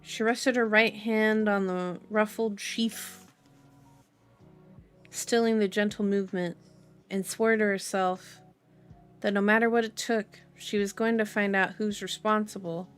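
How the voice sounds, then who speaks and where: Over background music, a woman reads a novel aloud for her channel in ASMR style, breaking off for playful, chatty asides. Her medium-pitched voice is clear and resonant, steady and unhurried.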